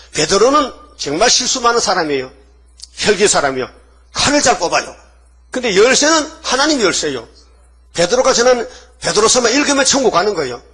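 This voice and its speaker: An older man preaches a sermon in a husky, slightly high voice. He scolds in plain everyday speech and keeps putting questions to his listeners, checking that they follow. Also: fairly bright tone. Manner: colloquial, scolding, asks the congregation questions. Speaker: pastor.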